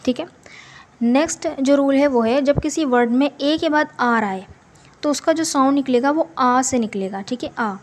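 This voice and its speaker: A woman with a high voice gives a spoken English lesson, her first language Urdu. She walks through each rule step by step and says example words slowly, one at a time, repeating them for learners. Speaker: English teacher.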